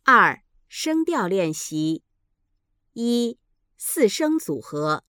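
A woman reading textbook pronunciation drills, enunciating each word carefully with a pause between them. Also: mid-range voice, very animated, a bit bright, dry recording, studio quality. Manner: carefully enunciated, each syllable held apart. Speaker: language teacher reading drills.

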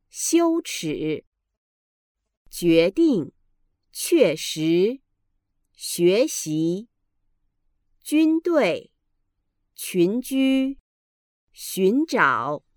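A woman reading textbook pronunciation drills, enunciating each word carefully with a pause between them. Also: mid-range voice, a little mellow, dry recording, studio quality. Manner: carefully enunciated, each syllable held apart. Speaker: language teacher reading drills.

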